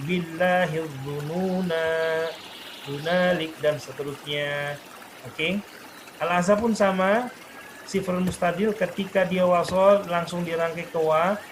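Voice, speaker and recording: A man with a slightly raised pitch teaches Quran recitation in a recorded lesson. He explains a rule, then slowly recites example verses to show it. Water pours and trickles clearly behind him. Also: background noise.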